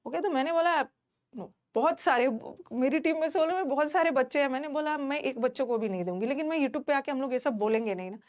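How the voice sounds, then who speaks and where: An Indian woman teaching online, talking to her students in a chatty, emphatic way and filling pauses with "theek hai". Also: high-pitched. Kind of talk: casual classroom talk to students.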